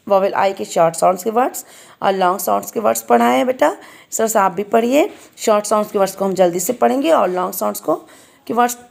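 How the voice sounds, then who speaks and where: Indian woman teacher with slightly gravelly voice. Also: mid-range voice. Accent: Indian English. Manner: spells words letter by letter, calls children "beta". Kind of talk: classroom phonics lesson.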